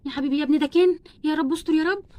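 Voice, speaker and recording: A woman's voice: high-pitched, racing, a little mellow, no room sound, natural voice. A woman with an Egyptian accent voicing a fretting motherly doll who is flustered and keeps piling up pious exclamations. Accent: Egyptian Arabic.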